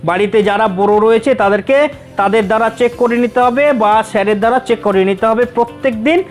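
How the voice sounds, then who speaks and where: A man with a strikingly high voice teaches a beginners' reading class. He sounds out each syllable and repeats it patiently, talking to his pupils in a familiar way. Faint music plays underneath. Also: steady tone. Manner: repeats syllables slowly to drill pronunciation; addresses students familiarly.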